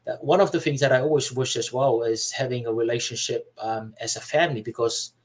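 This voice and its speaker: A man from Samoa, a podcast guest telling his life story in a casual chat, soft-spoken and halting, with many fillers and restarts. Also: medium pitch, rough recording.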